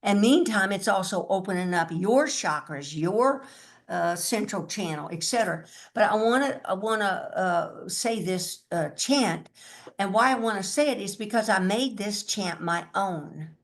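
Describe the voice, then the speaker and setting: A woman's voice: mid-range voice, lively intonation, a little slow. A woman, older, giving a spiritual talk in a musing way, chanting mantras now and then. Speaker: spiritual teacher.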